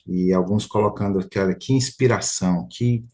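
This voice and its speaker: A man's voice: low voice, fairly quick. A man, a fellow pastor, thanking the preacher in a thankful, conversational way. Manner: warm, thankful, conversational with fillers. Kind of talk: thanking the preacher after a sermon.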